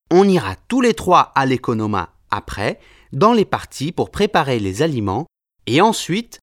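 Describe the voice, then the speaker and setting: A man's voice: medium pitch, dry recording, clean studio sound. A man playing an eager, touchy sous-chef of Italian background who insists on his rank, in a scripted textbook dialogue. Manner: insistent, self-important.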